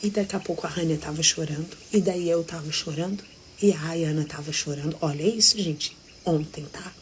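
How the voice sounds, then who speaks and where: A Brazilian woman hosting a live devotional from her living room at night, telling a story intimately and often dropping to a hushed half-whisper. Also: low-pitched, brisk, slight background noise. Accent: Brazilian Portuguese. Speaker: devotional host.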